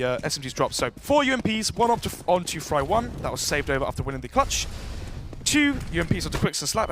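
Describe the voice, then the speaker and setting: Higher-pitched male esports caster, brisk and clipped. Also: a bit bright. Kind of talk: live esports commentary and round analysis. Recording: faint game noise behind voice.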